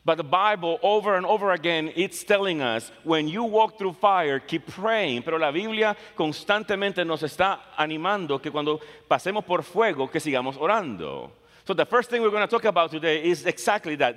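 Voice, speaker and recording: A man preaches slowly with a fairly high voice that rises and falls a great deal. He leans on words and repeats phrases for stress. The long reverb of a large church hall hangs on every line. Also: fairly bright tone. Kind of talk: bilingual sermon, English and Spanish in turn.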